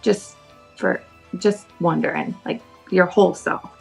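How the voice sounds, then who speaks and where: A woman delivers a roast of insult jokes over a video call in a deadpan, mock-sweet way. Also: fairly low pitch, unhurried, gravelly, slightly rough, soft background music, low-quality recording. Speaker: roast contestant.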